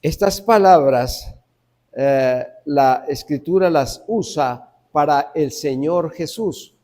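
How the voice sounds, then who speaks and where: Male pastor, high-pitched, slow emphatic sermon delivery, speaks directly to the congregation. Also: a little mellow. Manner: emphatic, repeats key phrases, addresses congregation directly.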